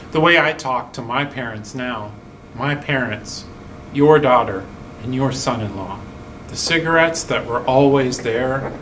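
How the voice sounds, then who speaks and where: Man, middle-aged, mournful spoken elegy, measured poetic phrasing, deliberate pauses, distant mic, faint room hum. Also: mid-range voice, a bit bright. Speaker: monologue performer. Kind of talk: dramatic spoken elegy monologue.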